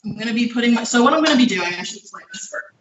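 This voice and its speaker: A bright, chatty baker explains each step of a recipe while cooking, filling pauses with "um" and a hint of breathlessness. The voice sits back from the microphone in a roomy home kitchen with plenty of echo. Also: medium pitch, animated, distant mic, lo-fi sound. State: slightly out of breath. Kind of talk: live cooking demonstration. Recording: echoey kitchen, speaker away from mic.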